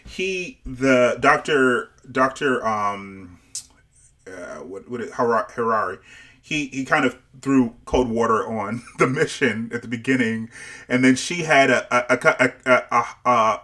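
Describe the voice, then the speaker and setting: Halting man from Barbados, livestream co-host. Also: medium pitch, sharp tone. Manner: halting, many restarts and repeated words. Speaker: show co-host. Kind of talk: casual review discussion.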